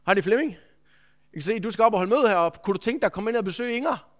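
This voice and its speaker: A man's voice: high voice, animated, fairly bright tone. A man voicing a friendly middle-aged man who makes a polite, persuasive request on the phone.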